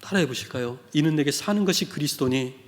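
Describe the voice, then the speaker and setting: A middle-aged man preaches in a church sanctuary. His voice sits a little high for a man, and a long reverb from the hall trails every phrase. He shifts between hushed storytelling and passionate, rising appeals. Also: quick pace. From South Korea. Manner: builds from quiet storytelling to fervent exhortation. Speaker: missionary preacher. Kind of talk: sermon.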